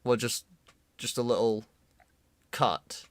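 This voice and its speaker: A man's voice: medium pitch, fairly even intonation, slow pace, no room sound. A British man talks through his modelling on a stream. His voice sits mid-range and easygoing. He keeps the chat loose, with dry, self-deprecating humour. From United Kingdom. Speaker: streamer, 3D artist. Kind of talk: casual chat while working.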